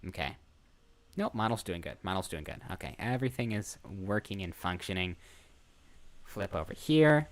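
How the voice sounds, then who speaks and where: Speaking with a low, animated voice at a moderate pace, this eighteen-year-old man talks casually during a live stream. He's a streamer and voice actor whose talk rambles, circles back on the same phrases and breaks off partway through sentences.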